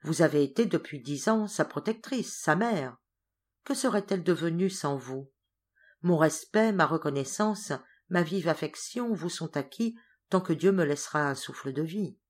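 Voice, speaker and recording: A woman's voice: sits low, animated, normal speed. Woman voicing a fervent devoted young man. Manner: fervent, emphatic declarations. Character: earnest devoted young man, deeply moved.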